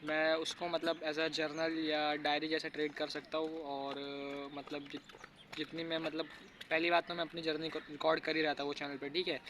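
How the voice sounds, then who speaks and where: A man's voice: a little high, level tone, normal speed, fairly bright tone, a little hiss or hum. A teenage boy talking casually in a vlog, thinking aloud and rambling with many fillers as he goes. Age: teens. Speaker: YouTuber.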